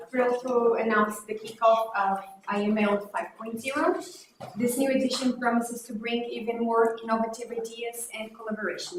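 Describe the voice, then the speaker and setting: A woman moderating a conference session, introducing the next speakers with a slightly hesitant manner. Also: a little high. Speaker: event moderator. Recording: echoey hall with faint noise.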